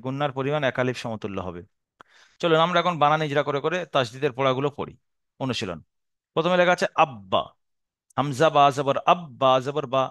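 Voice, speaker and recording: A man teaching Quran reading in a slow, patient lesson. He explains each rule again and again and draws out the Arabic syllables he recites. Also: fairly high pitch, a bit bright, smooth, no room sound.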